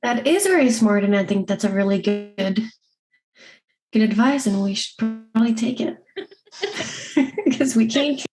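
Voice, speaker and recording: A young adult woman co-hosting a podcast, talking fast and a little mumbled in casual, self-deprecating chat. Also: fairly high pitch, lively intonation, music in the background, poor audio. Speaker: podcast co-host.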